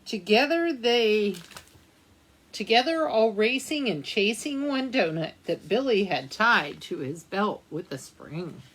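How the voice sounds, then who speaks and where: At children's storytime, a librarian reads a picture book while chatting with her young listeners through questions and asides. Her mid-range voice is sing-song and slightly rough, and her pace is slow. The audio is poor.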